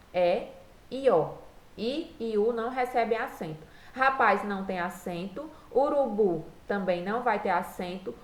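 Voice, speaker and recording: Woman teaching slowly in an echoey room. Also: mid-range voice. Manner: slow, patient, spelling out each rule step by step. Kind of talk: recorded classroom lesson.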